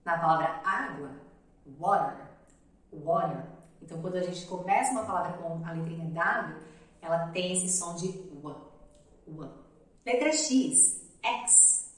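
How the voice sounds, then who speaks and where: A woman's voice: on the low side, a bit bright, distant mic. Brazilian woman teaching, in an echoey room. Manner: careful, repeats each sound slowly for demonstration. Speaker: English teacher. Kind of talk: pronunciation lesson.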